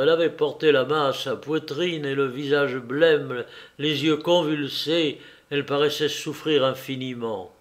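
A man giving a measured, scripted narration of a novel as an audiobook reader. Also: medium pitch.

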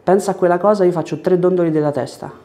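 A fast-talking chiropractor in his thirties, with a high, mellow voice, gives his patient brief directions and explanations during treatment. He's recorded on a lapel mic in a small indoor treatment room, where background room noise is clearly heard.

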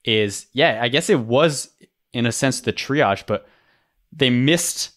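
A man's voice: medium pitch, lively intonation, slow, fairly bright tone. A young man telling a story in a casual podcast chat, rambling with lots of fillers and restarts. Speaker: podcast host.

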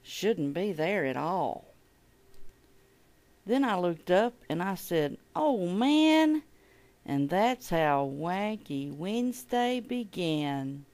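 At an elementary school, a woman with a voice on the low side reads a children's picture book aloud, her delivery expressive and animated.

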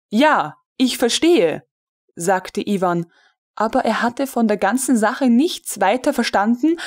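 A woman narrating a literary audiobook in a measured, deliberate way. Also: medium pitch, darkish tone.

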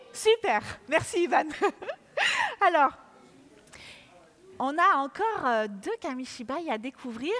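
A woman hosting a children's award ceremony, playful and coaxing the audience to join in. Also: high voice. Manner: animated, playful, coaxes the audience. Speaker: ceremony host. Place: large auditorium. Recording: echoey hall with audience.

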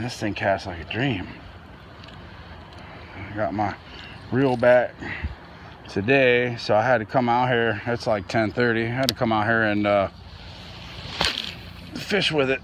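A man's voice: lowish voice, slight background noise. A man vlogging while night fishing outdoors, rambling casually about his gear and surroundings, sometimes talking to his dog. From Florida.

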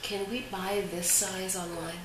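A woman's voice: mid-range voice, level tone, measured pace. A woman hosting an interview, asking short direct questions in an office. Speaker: show host, interviewer. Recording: echoey room with loud hiss.

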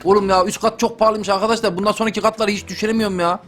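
Speaking rapid-fire in a voice that sits high, a young man jokes his way through let's-play commentary for his gaming channel. He addresses viewers directly and sounds excitable.

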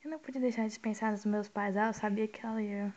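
A woman's voice: medium pitch, steady tone, quick pace, darkish tone, lo-fi sound. A young woman playing a dating game, reading its dialogue aloud and joking, swearing casually and laughing often. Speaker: gamer.

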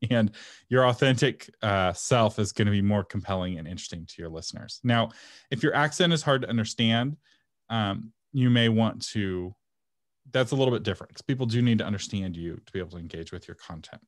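A man with a voice on the low side, speaking a little fast, presents a webinar and fields audience questions casually and frankly, often laughing and now and then launching into a passionate rant. The sound is clean studio audio with no room sound.

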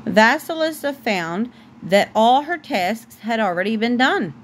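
A woman's voice: a little high, sing-song, measured pace, a little hiss or hum, rough recording. A woman reading a bedtime story aloud to her child at home, stopping now and then to talk with the child.

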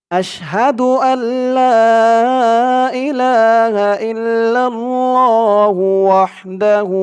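A man teaching recitation of a short prayer, spelling it out letter by letter, explaining rules quickly and then reciting slowly and drawn out. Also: fairly high pitch, darkish tone. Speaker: Arabic and Quran recitation teacher.

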